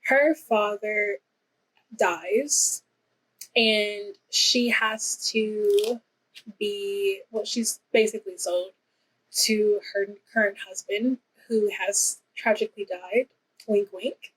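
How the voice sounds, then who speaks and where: A woman's voice: medium pitch, steady tone, extremely slow, a bit bright, slightly rough, poor audio. A woman hosting her own channel, reviewing books in a gushing, chatty way with lots of fillers. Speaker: book reviewer and channel host. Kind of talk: casual book review chat.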